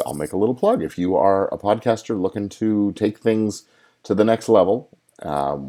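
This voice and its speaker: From a hotel at a conference, a middle-aged man who is both a lawyer and podcast host runs a solo live episode. His low-pitched voice is mellow, and his chatty style includes plenty of fillers and false starts.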